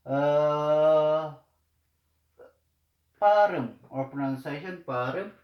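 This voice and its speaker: In an echoey room, a man teaching Korean moves through a writing lesson step by step. He talks slowly and haltingly, repeating phrases and filling gaps, in a voice that's a little high. The recording sounds muffled.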